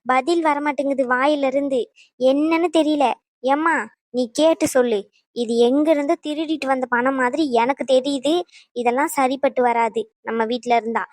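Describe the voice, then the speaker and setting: A woman's voice: high-pitched, steady tone, moderate pace, darkish tone, dry recording, studio quality, lightly acted. A woman voicing a bossy young granddaughter in a cartoon who scolds and threatens her grandmother. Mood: scolding. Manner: scolding, demanding.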